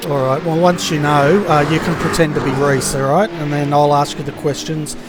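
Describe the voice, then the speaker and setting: Man, race commentator, relaxed chatty delivery, slightly high voice, noisy voice-chat sound. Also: a little fast. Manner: easygoing, chatty, laughs with co-hosts. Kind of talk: casual online race commentary.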